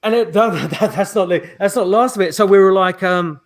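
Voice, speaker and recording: Rambling middle-aged man with a higher voice. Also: fairly quick. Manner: rambling, with many restarts and fillers. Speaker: guest paranormal investigator. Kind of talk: casual storytelling over video call. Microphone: video call microphone.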